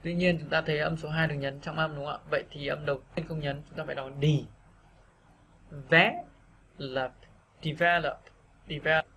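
A man's voice: a little high, level tone, creaky, fairly bright tone, slight background noise. Patient male teacher. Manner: patient, repeats words slowly for practice. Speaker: English pronunciation teacher. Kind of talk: video lesson.

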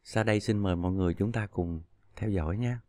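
A man's voice: low-pitched, dark tone, no room sound, studio quality. A man teaching a pronunciation lesson, patiently explaining and stretching out example syllables. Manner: patient, drawn-out model syllables. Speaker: Chinese language teacher.

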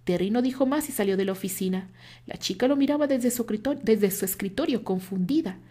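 A woman's voice: on the high side, brisk, warm tone. A woman narrating fan fiction in a dramatic storytelling style. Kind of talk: expressive fan-fiction audiobook reading.

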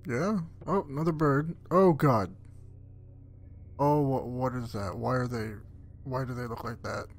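A man's voice: medium pitch, a little slow, soft background music. A man streaming a live let's-play, reacting with profane, incredulous and sarcastic running commentary. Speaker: game streamer.

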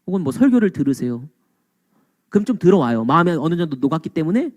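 A man preaching a sermon as pastor, blunt and colloquial, swinging from low murmurs to raised, emphatic cries. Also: very animated, fast talker, a little mellow.

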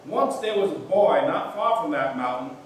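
A pastor doing a folksy Southern old-timer. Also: male voice, a little high, expressive, normal speed, slight background noise, lightly acted. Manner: folksy, drawling storyteller. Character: friendly chatty gray-haired Tennessee man. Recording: echoey church from a distance.

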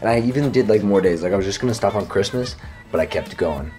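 Over music, a young man with a fairly low voice talks quickly and animatedly into a handheld camera at arm's length for his vlog. He's still groggy and hoarse from waking, rambling full of fillers first in the bedroom, then in the car.

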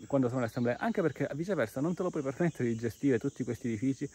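A man's voice: mid-range voice, expressive, very fast, warm tone, slightly rough. Chatty man talking while walking outdoors. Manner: chatty, rhetorical, quotes imagined listeners. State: out of breath from climbing. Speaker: podcast host. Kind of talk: walking vlog talk. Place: outdoors on a trail by a cave.

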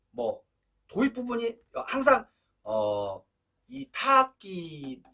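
A man's voice: high voice, a bit bright, slightly rough. A man teaching traditional Korean drumming step by step, counting beats aloud, chanting drum syllables, and coaxing learners to breathe and not rush. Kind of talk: step-by-step instrument lesson. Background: drum playing.

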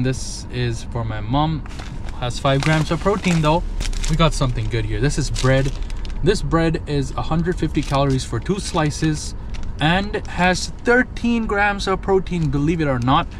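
A young man in casual vlog chat, excitable and chatty, talking to a handheld camera in a store and a parked car. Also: on the high side, a little slow. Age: young adult. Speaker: fitness vlogger. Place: grocery store, then parked car at night. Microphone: handheld camera at arm's length. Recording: noisy background.

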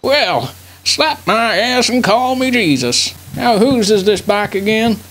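Very high, slow grandpa voice. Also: male voice, expressive, fairly bright tone, heavily acted. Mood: delighted, folksy. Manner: grandpa voice, folksy old-timer drawl, rambling. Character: rambling, forgetful, cheerful old grandpa war veteran. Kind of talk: improvised online game role-play.

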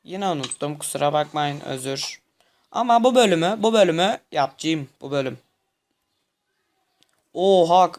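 A man's voice: on the high side, animated, normal speed, pauses often, slight background noise. A young man commenting on a game he is playing, muttering to himself, tense and easily frustrated. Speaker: gameplay commentator. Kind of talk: gameplay commentary.

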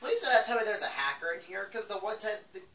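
A woman chats through a video game with playful, giggly commentary, her pitch rising and falling a lot. She sounds far from the mic in an echoey room, with faint hiss behind her. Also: animated, fast, a crowd in the background. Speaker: gaming channel host.

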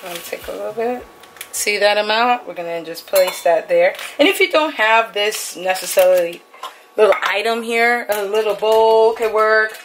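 In her home kitchen at the stove, a woman vlogs a casual cook-along, chatty and upbeat as she talks through every step. Her voice is medium in pitch at a normal speed, with slight background noise.

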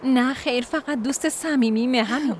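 An actress dubbing a caring older sister who speaks gently and affectionately. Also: female voice, high voice, a little hiss or hum, close to an everyday voice. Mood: gentle. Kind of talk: Persian dub of a TV drama. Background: music score.

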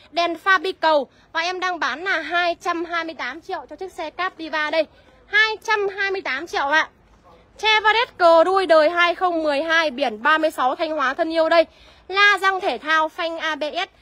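A young woman, selling used cars on a livestream in a brisk sales patter and answering viewer comments. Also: very high voice, sharp tone. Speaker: used car seller.

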